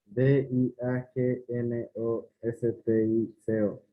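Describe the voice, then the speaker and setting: A man in a spelling contest, spelling words out letter by letter in a halting, hesitant way. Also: medium pitch, little pitch movement. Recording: tinny phone-like call audio.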